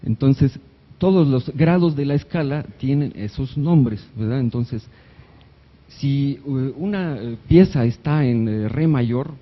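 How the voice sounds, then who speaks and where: A man's voice: medium pitch, lively intonation, slow, lo-fi sound. A man, a doctor, giving a conversational, jokey live lecture on music theory to an audience, now and then singing short note examples. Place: hospital event hall.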